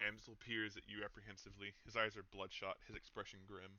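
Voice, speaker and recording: Bright-voiced man reading game text. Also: fairly low pitch, quick pace, highs cut off. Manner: relaxed, reads story text aloud with small stumbles. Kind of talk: casual let's play chat and narration read-aloud.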